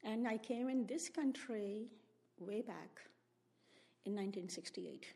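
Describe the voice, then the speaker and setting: This Indian woman in her seventies has an unhurried, creaky, mid-range voice with a dark tone and an Indian accent. Sitting in a public library room for an oral history interview, she reflectively tells her family's story, spelling names out one letter at a time.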